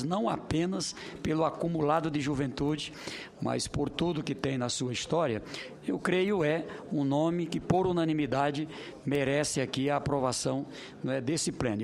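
A middle-aged Brazilian man, a senator giving a semi-formal committee speech, halting and circling back to rephrase. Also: on the high side, vocal fry. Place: large Senate committee room, indoors. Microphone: desk gooseneck microphone.

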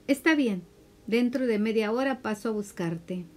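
A woman's voice: fairly high pitch, moderate pace, darkish tone, natural voice. A woman reading aloud, voicing a sulky young man who answers curtly and grudgingly. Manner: curt, grudging.

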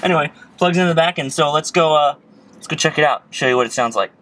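Outdoors at an open car, a DIY presenter in his thirties gives a casual hands-on tutorial, chuckling and thinking aloud as he works. His voice is on the high side, fast and fairly bright, captured by a camera set near the work with clear background noise and outdoor ambience.

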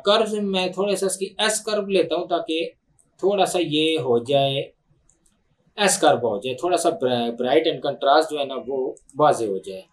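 A man with a Pakistani Urdu accent and a voice on the high side explains a software tutorial from his computer in a screen recording. He goes unhurriedly, thinking aloud with fillers and restarts.

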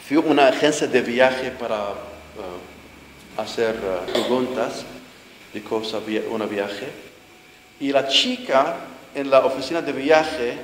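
A middle-aged man preaches a testimony sermon, earnest and halting, with an everyday mid-range pitch. His voice rings through a church hall, trailing a long reverb over a faint background hiss. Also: fairly bright tone. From Jordan. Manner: earnest, halting, searching for words.

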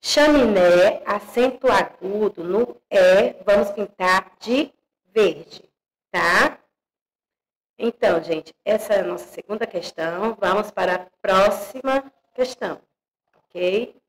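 Woman, Brazilian Portuguese accent, teacher, slow patient delivery, gravelly voice. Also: medium pitch, poor audio. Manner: slow, patient, spells out each accent mark; checks in often with the class. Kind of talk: online class, correcting exercises.

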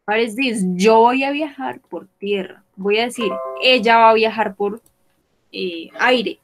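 Woman teaching english slowly, careful steady voice, asks the class lots of questions. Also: a little high, faint music behind, rough recording. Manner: slow, careful, switching between English and Spanish. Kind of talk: online bilingual lesson.

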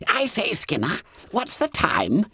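Give me a flustered, stammering schoolboy in a very high, jumpy voice. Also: male voice, huge pitch swings, measured pace, pushed and bright, slightly rough, no echo, studio quality, full character voice. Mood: whispering. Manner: stammering, high squeaky whispering. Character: fat stammering schoolboy, oblivious and greedy. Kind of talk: audiobook character voice.

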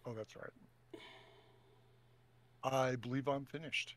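A man's voice: mid-range voice, steady tone, takes it slowly, fairly bright tone. Hesitant man thinking through game moves. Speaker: player. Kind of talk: casual tabletop game chat.

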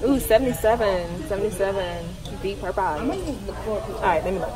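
A woman's voice: medium pitch, normal speed, music in the background. A woman in her twenties chatting candidly to her phone camera, laughing often. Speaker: beauty vlogger. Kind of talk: casual vlog chat. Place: home living room and nail salon. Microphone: phone camera at arm's length.

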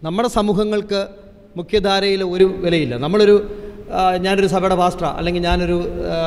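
Man, high voice, quick, pressing, rhetorical, reverberant room. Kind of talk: panel discussion.

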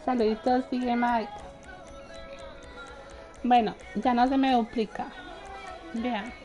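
A woman's voice: fairly high pitch, fairly even intonation, slow, warm tone. A young woman chatting casually while livestreaming a game, often laughing and greeting her viewers. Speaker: gaming livestreamer. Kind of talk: casual live gameplay chat. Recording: faint game music behind.

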